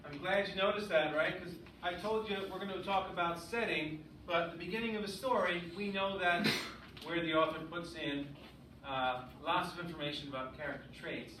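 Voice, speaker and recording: Recorded from afar in an echoey, noisy classroom, a man with a high-sitting voice leads a grade school English lesson at a moderate pace. He reads aloud and often pauses to ask short questions that check students' understanding.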